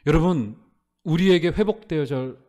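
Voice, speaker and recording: A man preaching a Sunday sermon as pastor, earnest, asking the congregation rhetorical questions and dropping softer for prayerful lines. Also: on the high side, animated, normal speed. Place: church sanctuary.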